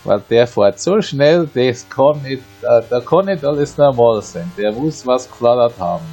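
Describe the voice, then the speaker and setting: An Austrian sim racing league commentator, a native German speaker with an Austrian accent, delivers conversational, wry live racing commentary full of playful asides. His mid-range voice is animated and a little mellow, at a normal speed.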